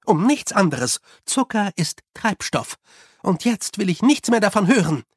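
A reader doing a snappish, sarcastic schoolteacher. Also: female voice, mid-range voice, very animated, measured pace, slightly rough, dry recording, studio quality, pitched above the performer's own voice. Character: sharp, sarcastic young woman, schoolteacher.

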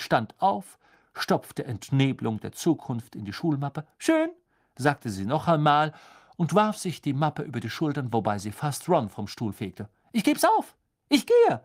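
A man reading an audiobook with expressive, dramatic storytelling. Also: mid-range voice. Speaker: narrator.

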